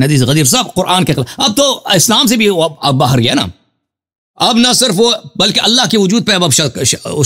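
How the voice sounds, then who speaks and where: A man gives a fervent religious talk in a fairly high voice. His pitch leaps up and down as he drives each point home. He repeats himself for emphasis and calls out to his listeners as brothers. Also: fairly bright tone. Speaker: Shia cleric answering a question.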